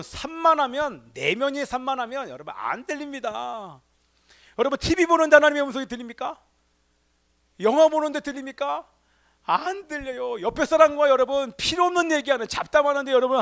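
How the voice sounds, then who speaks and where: High-voiced male pastor preaching. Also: very animated, fairly quick. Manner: fires rhetorical questions at the congregation; swings between emphatic exclamations and hushed, near-whispered asides. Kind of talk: Sunday sermon. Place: church sanctuary.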